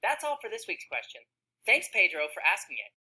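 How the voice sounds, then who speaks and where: Woman narrator for a kids' explainer, very bright and breathy, lively swoops in pitch, quizzes the audience. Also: fairly quick. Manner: asks children questions and acts out tones of voice. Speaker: narrator of a children's explainer video. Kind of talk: scripted narration for kids.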